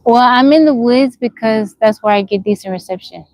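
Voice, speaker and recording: A woman in her 40s is hosting a casual outdoor livestream in the woods, where she reads comments and responds frankly, questioning and repeating herself along the way. Her slightly high voice has a darkish tone and a moderate pace. There's no echo, but it's a low-quality recording.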